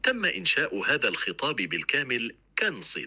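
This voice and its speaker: A man's voice: mid-range voice, huge pitch swings, very fast, bright, forceful tone, breathy edge. An AI voice clone of a man, text-generated speech played back from a phone speaker. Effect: played through a phone speaker. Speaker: AI voice clone of the guest.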